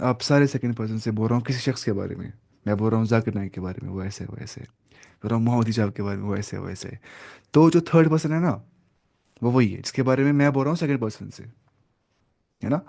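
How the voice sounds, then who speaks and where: A man's voice: medium pitch, a little mellow. A man teaching Arabic grammar in a lecture, asking his students questions and answering them himself, with English terms mixed in. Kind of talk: classroom lecture.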